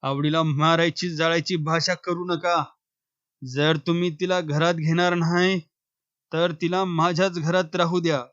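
A man's voice: fairly high pitch, flat delivery, a little slow, a bit bright, no echo, dull audio. A man voicing a defiant village man in a storybook reading, with a blunt, challenging manner. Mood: angry. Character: defiant young village man standing firm.

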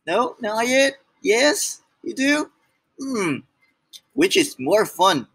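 A man's voice: high voice, fairly bright tone. A man reading a storybook aloud to children, playful and exaggerated, talking straight to the child listening. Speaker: children's book reader.

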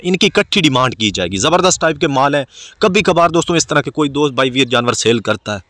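Man pitching calves for sale. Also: a bit bright, no echo. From Pakistan. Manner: salesman-like, repetitive, addresses viewers as friends. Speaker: channel host selling cattle. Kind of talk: voice-over livestock sales pitch.

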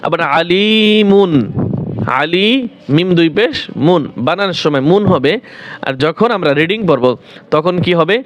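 A man teaching the rules for reading the Quran, asking questions and answering them himself, and repeating each word slowly. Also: on the high side, a little hiss or hum. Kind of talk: explaining rules to viewers.

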